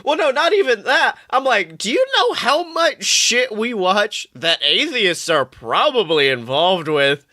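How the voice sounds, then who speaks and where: A young woman co-hosts a comedic podcast, speaking at a medium pitch and a little slowly with few pauses. She chats casually, telling animated stories, acting out quotes and swearing freely. The studio recording is clean with no echo.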